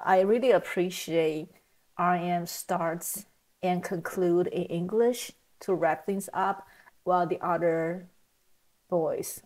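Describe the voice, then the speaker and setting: A middle-aged woman giving casual reaction commentary, speaking in a halting, reflective way and often rephrasing herself. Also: fairly low pitch, darkish tone, rough recording. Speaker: reaction video host.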